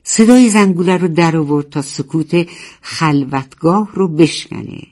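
A storyteller reads a children's story aloud with an expressive delivery. The voice sits at a middle pitch. Each character's line gets its own voice. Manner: expressive storybook reading, voicing the characters' lines.

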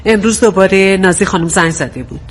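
A woman acting as a practical middle-aged wife and mother in a domestic drama, scolding her husband in quick, pointed remarks. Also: medium pitch, slight background noise, lightly acted. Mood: nagging.

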